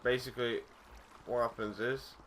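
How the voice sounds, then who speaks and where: A man's voice: medium pitch, steady tone, normal speed. A young man casually narrating a game, rambling and easygoing with frequent fillers and self-corrections. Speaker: gaming YouTuber. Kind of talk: casual let's-play commentary. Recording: loud background noise with game clicks.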